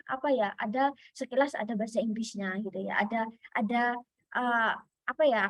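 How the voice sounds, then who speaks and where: Woman lecturer, higher voice, chatty with fillers, dry close sound. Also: no echo. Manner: chatty, many fillers and restarts. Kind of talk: online lecture.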